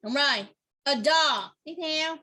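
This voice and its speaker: A woman's voice: high-pitched, animated, takes it slowly, pushed and bright. A woman teaching English to a child online, patiently repeating words and praising answers.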